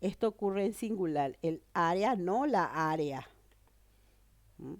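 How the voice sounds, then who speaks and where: A woman's voice: lowish voice, expressive, takes it slowly, no echo. A woman teacher with a cold, explaining a grammar lesson and often checking that students follow. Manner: explanatory, checks understanding with "¿verdad?" and "¿mm?". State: has a cold.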